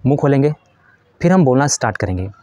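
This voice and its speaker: A man teaching in a calm, patient way. He puts questions to the listener and answers them himself. His voice sits at a middle pitch and sounds dry and close to the mic. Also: quick pace, no echo. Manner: patient, asks and answers his own questions, demonstrates chanting. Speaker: spiritual teacher. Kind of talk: explanatory spiritual lesson.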